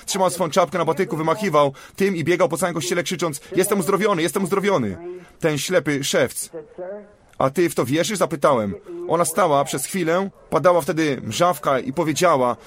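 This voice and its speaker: A man reading a translated sermon aloud in a measured, solemn way, with prayers for healing. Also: on the high side.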